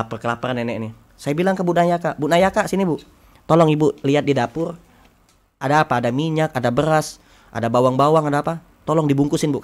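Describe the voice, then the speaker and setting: A young man, a talk show guest, telling a story with lots of animation and acting out every line of dialogue. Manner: acts out dialogue, swinging pitch and loudness.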